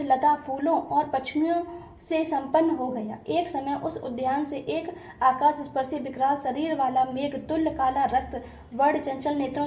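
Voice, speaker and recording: A woman's voice: high voice, warm tone. A woman reading a religious story aloud at home, stumbling and restarting on difficult words. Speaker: reader of a devotional story. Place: home room during a puja. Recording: echoey room, faint background noise.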